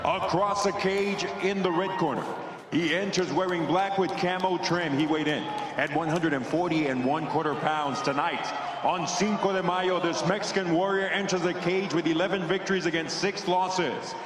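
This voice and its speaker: A high-voiced man calls fighters into the cage, stretching each name out with theatrical flair. His voice rings through a large arena with a long, echoing reverb and steady background noise. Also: normal speed. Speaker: ring announcer. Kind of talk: booming fighter introductions.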